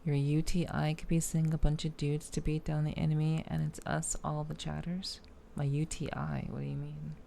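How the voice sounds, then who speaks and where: A playful, teasing woman streamer chatting casually while gaming, soft-spoken and often dropping toward a whisper. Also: low-pitched, monotone, normal speed, vocal fry, hardly any pauses, a little hiss or hum. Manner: playful, teasing gamer girl. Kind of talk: casual live-stream chat.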